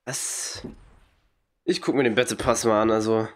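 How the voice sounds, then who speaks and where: A young man's voice, on the low side, fairly even in intonation and at normal speed. He's a gaming streamer with a cold, coughing now and then as he talks into a headset in a small home room, giving casual, slangy, blunt commentary with mocking reactions.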